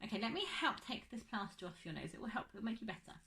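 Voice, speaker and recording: A woman's voice: fairly high pitch, sing-song, fast, fairly bright tone. A young woman teaching a phonics lesson to children, patient and drawing out her words.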